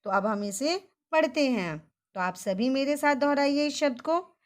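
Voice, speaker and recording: A woman's voice: high voice, unhurried. A woman teacher leading a children's Hindi vocabulary lesson, spelling words out syllable by syllable and praising the class in a sing-song, teacherly way.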